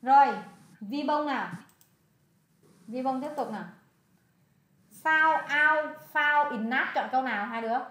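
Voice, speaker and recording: A woman's voice: sits high, a bit bright. A woman with a Vietnamese accent tutoring a student in English, coaxing and repeating the answers. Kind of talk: one-on-one tutoring session. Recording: echoey room.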